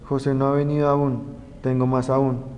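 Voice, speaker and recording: A young man from Colombia reads out spelling rules and example words one by one, slow and deliberate like a class presentation. His voice carries a lingering reverb with a faint noise underneath. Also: mid-range voice, flat delivery, darkish tone. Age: young adult. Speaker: student presenter. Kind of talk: reading a grammar tutorial.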